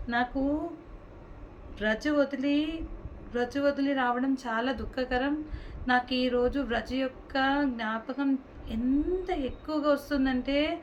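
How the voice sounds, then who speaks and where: A woman's voice: sits high, muffled recording, a little hiss or hum. Woman voicing Krishna, a longing young god. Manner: calls out eagerly to friends, then laments softly. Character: Lord Krishna, young male cowherd god, longing for home.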